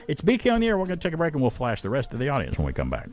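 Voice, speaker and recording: A man's voice: mid-range voice, huge pitch swings, very fast, soft background music. A man hosting a casual radio chat in a rambling, folksy way, close on a studio mic. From Atlanta area, United States. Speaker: radio host. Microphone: close broadcast mic.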